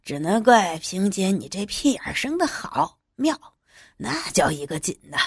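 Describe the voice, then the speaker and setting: A brash, eager young man who stammers and talks breathlessly, as a woman reader puts him on. His voice sounds husky, and the delivery is unhurried. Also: mid-range voice, sing-song, dry recording, clean studio sound, full character voice. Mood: joking.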